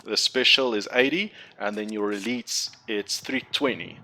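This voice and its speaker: Speaking at a measured pace with a fairly low, bright voice and a forceful tone, a young man narrates how he builds a card game deck. He creates gaming content, his first language is Afrikaans, and his casual tutorial commentary is rambling, self-correcting, and chatty.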